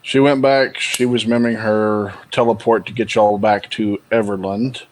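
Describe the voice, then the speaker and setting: A man's voice: lowish voice, level tone, unhurried, low-quality recording. A man improvising narration as game master of a tabletop game in a casual style.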